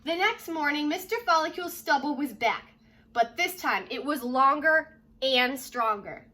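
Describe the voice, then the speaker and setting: Reading a kids' story the way a teacher might, this woman sounds expressive, leaning on repeated words and posing questions to her listeners. She speaks a little slowly, and her voice sits high.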